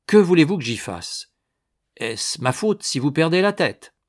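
An impatient middle-aged man brushes off a woman's fears in a storybook reading, read by a man. His protests come slowly and somewhat higher than the narration. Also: sing-song, dry recording, clean studio sound. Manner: exasperated protests.

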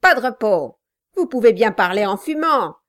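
A woman's voice: on the high side, big pitch swings, moderate pace, fairly bright tone. A woman reading an audiobook, voicing a malicious, cruel dwarf man who barks orders and taunts with mock sweetness. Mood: bullying.

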